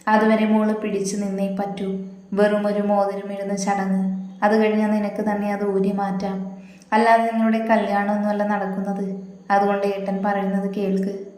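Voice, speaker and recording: A woman voicing a calm, protective older-brother man who speaks slowly and soothingly, recorded in a very echoey room. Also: medium pitch, close to an everyday voice.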